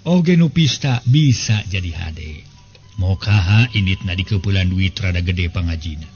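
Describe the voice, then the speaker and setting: Over faint background music, an elderly storyteller in his 70s hosts a narrated folk serial, speaking in a low, darkish voice with lively intonation and an unhurried pace. The tone is conversational, and his close desk microphone gives a slightly dull sound with faint noise.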